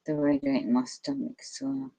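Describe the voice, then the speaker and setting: Tired streamer with a gravelly voice. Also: mid-range voice, fairly even intonation, warm tone, no echo, rough recording. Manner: rambling, halting and mumbled. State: tired, sleep-deprived. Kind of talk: casual live-stream chat.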